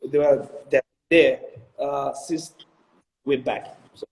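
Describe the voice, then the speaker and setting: Being interviewed as a guest, this twenty-something video director with a Malawian accent speaks slowly in a medium-pitched, fairly even voice. His answers are earnest and motivational but full of ums and false starts. Poor audio and an echoey room mark the recording.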